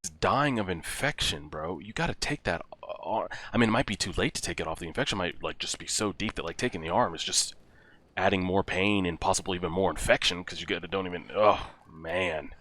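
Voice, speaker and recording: A man's voice: low-pitched, fairly quick, no echo. A man hosting a reaction video, talking casually and exclaiming at what he watches. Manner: animated, exclaiming and talking to the characters.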